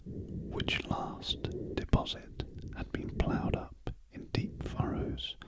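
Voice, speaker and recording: A British man reads a classic story for ASMR, entirely in a soft whisper. His delivery is very slow and gentle, broken into measured phrases. The breathy voice sits close to the ear-to-ear microphone. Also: low-quality recording. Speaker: ASMR reader. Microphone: close ear-to-ear stereo microphone.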